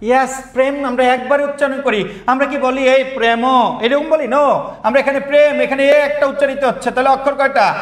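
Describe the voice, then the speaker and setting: High-voiced energetic teacher. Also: male voice, a little fast, echoey room. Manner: energetic, quizzes students with repeated questions. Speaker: admission test teacher. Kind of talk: live online class.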